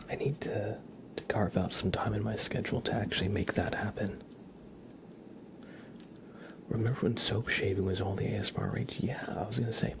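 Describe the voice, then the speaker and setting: This man's voice is low and creaky, mostly soft, breathy whispers as he hosts an ASMR livestream. His casual chat with viewers comes out slow, halting, and rambling. There's clear background noise in the recording.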